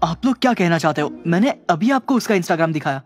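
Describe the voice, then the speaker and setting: A man dubbing the part of a headstrong twenty-year-old young man, talking back with quick, defensive retorts in a drama. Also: a little high, lively intonation, soft background music. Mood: annoyed. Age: 20s. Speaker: voice actor in a dub. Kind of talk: dubbed drama dialogue.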